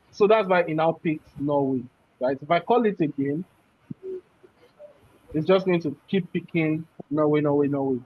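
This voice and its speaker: Slightly high and darkish in tone, a man explains code step by step in a live programming class, regularly asking "right?" to keep students with him. The audio comes across muffled and dull.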